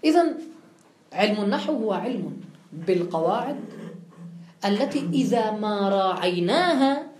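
A woman's voice: mid-range voice, animated, normal speed, pauses often, darkish tone, roomy sound, slight background noise. A woman giving a classroom lecture, explaining step by step and putting questions to her students before answering them. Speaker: teacher.

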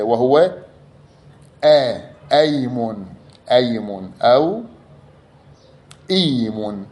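A man's voice: mid-range voice, darkish tone. A man teaching a class, explaining step by step, repeating key words and drawing out examples. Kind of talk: explanatory lecture.

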